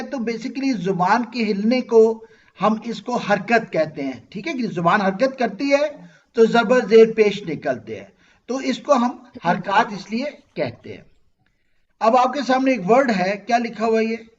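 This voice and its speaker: A man's voice: very high-pitched, animated, unhurried, highs cut off. A man, teaching Arabic grammar in an online class and patiently quizzing his students. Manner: patient, asks students questions and checks understanding.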